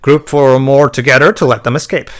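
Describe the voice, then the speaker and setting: A man hosting casual video game commentary, halting and often repeating words as he explains. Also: medium pitch, fairly even intonation, fairly bright tone, faint music behind.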